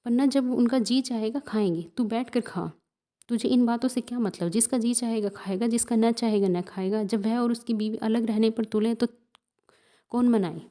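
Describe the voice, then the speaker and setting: A woman's voice: on the high side, normal speed, mellow, close to an everyday voice. A woman voicing a proud, weary middle-aged village aunt who speaks in resigned, bitter words.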